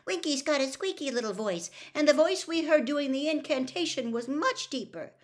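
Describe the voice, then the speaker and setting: A woman's voice: sits high, lively intonation, normal speed, voice pushed up. A woman voicing a clever teenage girl in an audiobook, nervous but determined, making an earnest appeal.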